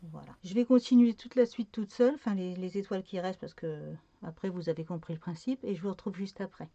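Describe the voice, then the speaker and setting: A woman's voice: fairly low pitch, quick pace, dark tone, no room sound, muffled recording. A woman talking through a card-making tutorial in a casual, hesitant way, with many fillers and self-corrections.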